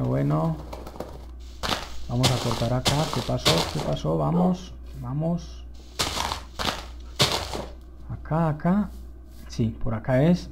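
A young man giving excited, rambling commentary over a survival game, often calling out to his viewers. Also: a little high, gravelly, very noisy. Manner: enthusiastic, easily excited, addresses viewers as "señores". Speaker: gameplay video host. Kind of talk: live gameplay commentary.

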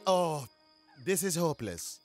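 A sensible cartoon animal advisor. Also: male voice, on the high side, big pitch swings, measured pace, darkish tone, faint music behind. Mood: instructing. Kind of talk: cartoon voice acting.

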